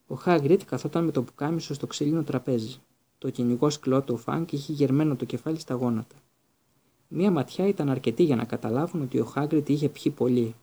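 A man narrating an audiobook in a steady, unhurried way, with the odd stumble. His voice is dark and mellow, with a husky grain. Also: mid-range voice.

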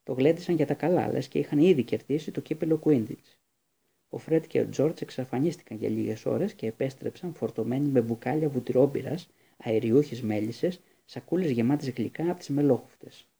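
A man narrating a novel aloud in a measured storybook way, with small slips. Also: mid-range voice, gravelly, mellow, slightly rough. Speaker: audiobook narrator.

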